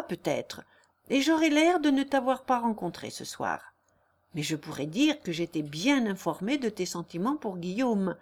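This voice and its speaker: A woman voicing an earnest young male lawyer who pleads tenderly and solemnly in a read-aloud novel. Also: mid-range voice.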